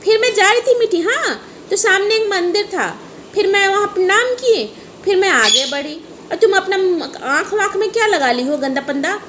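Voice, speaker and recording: A woman's voice: very high voice, animated, normal speed. A woman telling a playful, teasing story to her pet parrots, sing-song and repetitive. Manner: sing-song, teasing, repeats phrases, laughs while talking. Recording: noisy home recording.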